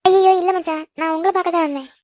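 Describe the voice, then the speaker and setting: A woman voicing a feisty, quick-tongued schoolgirl in a cartoon who protests and talks back. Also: very high-pitched, fairly even intonation, a little mellow, no echo, clean studio sound. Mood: polite. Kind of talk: cartoon voice acting.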